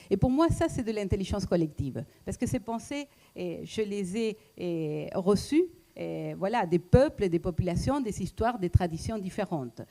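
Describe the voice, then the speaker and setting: A woman's voice: medium pitch, mellow. Hesitant woman with a foreign accent. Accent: foreign accent in French. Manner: hesitant, many fillers and restarts. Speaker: speaker at a talk, economist. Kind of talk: reflective public talk.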